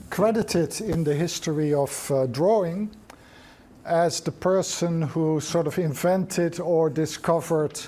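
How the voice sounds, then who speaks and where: A middle-aged man lecturing at a seminar, with a voice that sits a little higher than most men's. He thinks aloud as he goes, pausing often and restarting his sentences. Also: dark tone. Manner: reflective, thinks aloud with frequent restarts and ums. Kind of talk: academic seminar talk.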